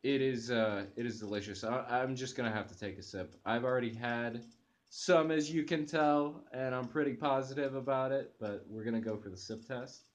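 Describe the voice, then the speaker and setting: A young man on his living room sofa hosts a casual coffee review for his channel, talking to camera with enthusiasm. His mid-range voice moves at a moderate pace, full of fillers and hesitant restarts. A close webcam picks him up.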